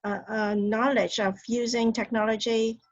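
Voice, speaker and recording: A woman teacher on a video call, sharing her classroom experience haltingly, with frequent fillers. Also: on the high side, flat delivery. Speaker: teacher, webinar participant. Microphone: computer mic on a video call. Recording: dull lo-fi call audio.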